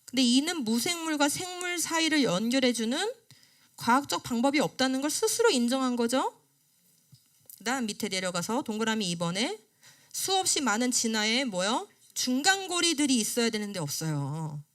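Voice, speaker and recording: A woman's voice: fairly high pitch, normal speed. A middle-aged woman giving a classroom lecture, asking the class questions and answering them herself. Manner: lively, rising and falling delivery. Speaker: creation science lecturer. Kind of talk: classroom lecture on a study book.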